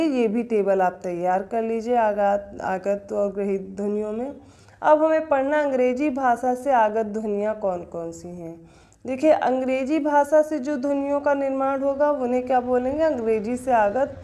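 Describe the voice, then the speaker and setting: A woman's voice: a little high, warm tone. A woman teaching an exam-prep grammar lesson, explaining step by step and answering her own questions.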